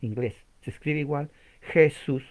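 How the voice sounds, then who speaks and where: A man's voice: on the high side, a little slow. Man preaching with rhetorical questions. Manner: teaching with many rhetorical questions, sudden emphatic rises; spells out and repeats words for emphasis. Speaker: pastor. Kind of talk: sermon.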